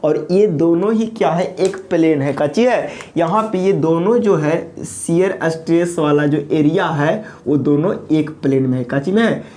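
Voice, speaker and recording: A woman giving an engineering lecture, posing questions to the class and answering them herself, repeating key terms slowly. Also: on the low side, dark tone.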